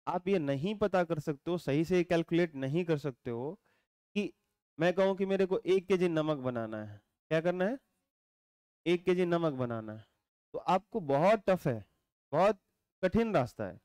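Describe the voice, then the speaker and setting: A male teacher, giving a chemistry lecture, explaining slowly and repeating points while quizzing his students. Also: on the high side, expressive, a little mellow, clean tone, dry recording. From India.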